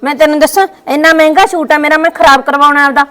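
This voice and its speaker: A woman's voice: high voice, fairly even intonation, fast talker, a bit bright. A woman with a Punjabi accent playing a bossy, scheming young daughter-in-law who orders her mother-in-law around. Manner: commanding, scolding. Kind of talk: scripted family skit.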